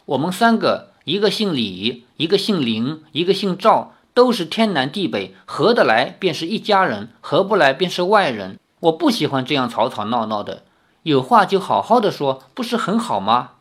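Man voicing sweet teen girl peacemaker, soft, high. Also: sing-song, normal speed. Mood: gentle, coaxing. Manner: soft, coaxing, gently pleading. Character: gentle sweet sixteen-year-old girl, peacemaker.

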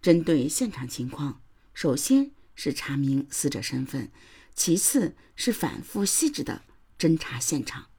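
A woman's voice: low-pitched, big pitch swings, measured pace, creaky, dark tone, breathy edge. A woman hosting a podcast, giving grave, dramatic scripted true-crime narration that sometimes drops to a whisper. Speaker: podcast host.

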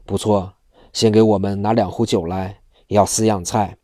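A worried constable from an old storybook tale, sighing over a hopeless case, read by a man. The voice is low and mellow, dry and close. He sounds stuck and anxious. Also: little pitch movement, normal speed, dry recording, lightly acted. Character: two worried county constables, men.

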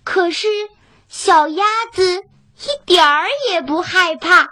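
A woman narrating a children's story in a slow, expressive, sing-song way. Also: very high-pitched.

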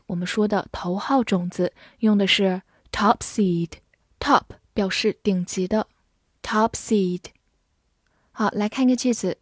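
Slow, dry-voiced woman teaching English vocabulary. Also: medium pitch, darkish tone, dry recording. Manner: spells words letter by letter and repeats phrases slowly. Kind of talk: vocabulary lesson with slow read-alouds.

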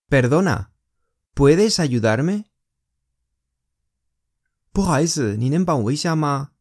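Slow, lively-voiced man teaching a lesson. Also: medium pitch. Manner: repeats phrases slowly and clearly for learners; exaggerated emphasis on example words. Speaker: Spanish teacher. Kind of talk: language lesson.

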